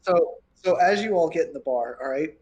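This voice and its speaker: Male game master, slightly high voice. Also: animated, moderate pace. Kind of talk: narrating a tabletop game.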